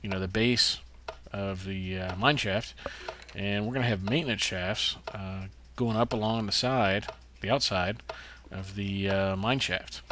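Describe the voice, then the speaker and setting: A man's voice: on the low side, steady tone, unhurried, bright, forceful tone, a little hiss or hum. A man casually commenting on his game as he plays, rambling with many fillers and talking to himself. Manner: rambling, lots of uh fillers, talks to himself while playing. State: hiccups. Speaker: gaming channel host. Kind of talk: casual let's-play commentary.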